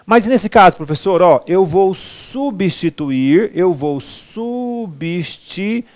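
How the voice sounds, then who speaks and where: Emphatic Brazilian grammar teacher. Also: male voice, high voice, lively intonation, slow pace. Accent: Brazilian Portuguese. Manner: emphatic, repeats key words, asks and answers his own questions. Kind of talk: exam-prep grammar lesson.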